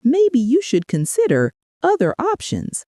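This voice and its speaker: Woman voicing a condescending son-in-law, dismissive, very lively pitch, dry close sound. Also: measured pace, dry recording, heavily acted.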